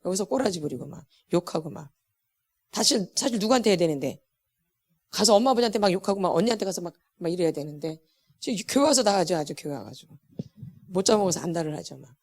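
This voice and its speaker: A woman's voice: fairly low pitch, quick pace. Emphatic woman teaching in a church. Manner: animated, emphatic, repeats words, laughs while talking. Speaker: pastor's wife teaching a healing class. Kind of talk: church lecture.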